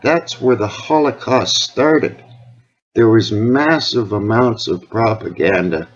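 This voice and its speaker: Over a dull, lo-fi phone line, a male health awareness advocate with a Canadian accent speaks earnestly and insistently, rambling from point to point. His voice is on the low side and expressive, and he takes it slowly.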